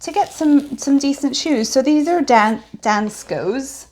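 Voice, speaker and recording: Woman, reseller host, gravelly, chatty haul talk. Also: high-pitched, animated, takes it slowly, a little mellow. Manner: chatty, describes items and sizes, laughs easily. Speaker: thrift reseller and channel host. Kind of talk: casual haul chat.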